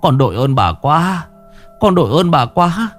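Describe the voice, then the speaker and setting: A man's voice: fairly high pitch, very animated, measured pace, faint music behind, voice pushed up. A man doing a humble pleading father. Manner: pleading, deferential.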